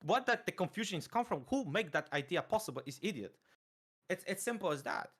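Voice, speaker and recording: A man's voice: high voice, expressive, a bit bright. Emphatic ranting male streamer. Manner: emphatic, ranting, halting restarts. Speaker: streamer host. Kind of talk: casual gaming discussion.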